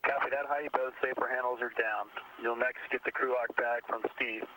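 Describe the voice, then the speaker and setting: A man gives procedural spacewalk instructions over a radio link with clear static and clicks. His delivery is quick and stays on a flat, medium pitch. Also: poor audio. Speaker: spacewalk coordinator.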